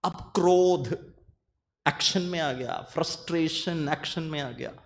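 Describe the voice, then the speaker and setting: A man with a slightly raised pitch gives a meditation talk to a listening audience. He speaks earnestly and keeps repeating his key phrases for emphasis. He drops English words into his sentences as he goes. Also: normal speed, gravelly, bright, forceful tone, slight background noise.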